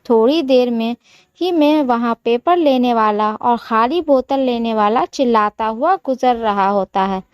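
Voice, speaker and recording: Slow-telling woman storyteller. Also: on the high side, clear, resonant tone, no room sound. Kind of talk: scripted story narration.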